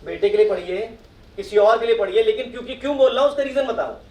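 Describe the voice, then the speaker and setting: High-voiced man addressing an audience. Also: expressive, quick pace, darkish tone. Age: middle-aged. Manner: asks the audience questions and acts out their replies. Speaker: speaker at a professional meet. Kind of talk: motivational talk to an audience. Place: meeting hall with audience. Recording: echoey hall, mic from far off.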